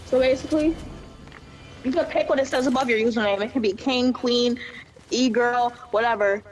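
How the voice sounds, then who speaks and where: A woman with a high, bright voice, chatting casually while she plays a game with a friend. She bosses the friend around and jokes constantly, and faint music plays behind her. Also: normal speed. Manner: playful, bossy, joking. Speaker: game player. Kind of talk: casual gaming chat.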